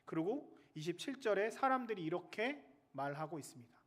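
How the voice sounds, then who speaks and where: High-voiced male chaplain, lively sermon, chats with the kids in the pews. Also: a little fast. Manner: lively, chatty, jokes with the children in the pews. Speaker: military chaplain pastor.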